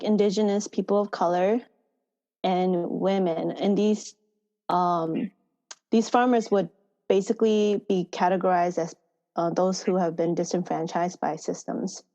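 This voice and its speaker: This farmer education manager, a woman from Thailand and the United States with an American accent, is a guest on a podcast. She speaks at a medium pitch in a mellow way, the recording's highs are cut off, and the conversational interview has a relaxed, chatty feel.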